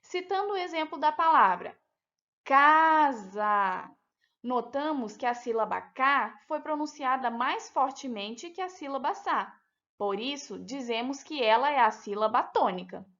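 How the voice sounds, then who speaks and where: A woman teacher with a Brazilian Portuguese accent, talking children through a lesson with slow, clear, deliberate pronunciation. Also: sits high, expressive, a bit bright. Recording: dull lo-fi sound.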